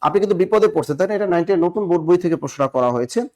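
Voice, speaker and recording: Male teacher, Bangladeshi Bengali accent, slightly higher voice, energetic drill style with frequent questions to the audience. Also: racing. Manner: energetic, repeats key answers and quizzes viewers. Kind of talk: live online exam-prep class.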